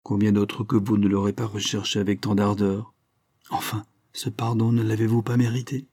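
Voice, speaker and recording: A man voicing a gentle, earnest young woman pleading with her cousin in a storybook reading. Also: fairly low pitch, level tone, moderate pace, slightly rough, no room sound, studio quality. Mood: pleading tender. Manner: pleading, impassioned.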